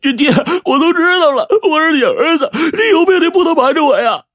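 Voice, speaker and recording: A man voicing a desperate teenage son who pleads and cries in a strained, shouting voice. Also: lowish voice, animated, fairly quick, slightly rough, dry recording, studio quality. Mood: pleading. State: crying.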